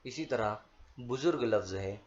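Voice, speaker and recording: A man teaching a school lesson, reading out word lists one word at a time in a slow, measured way. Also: mid-range voice, expressive. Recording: dull lo-fi recording.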